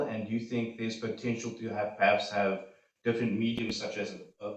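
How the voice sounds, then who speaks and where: A man with a low voice asks a halting question from the audience. He sounds distant from the mic in a roomy space.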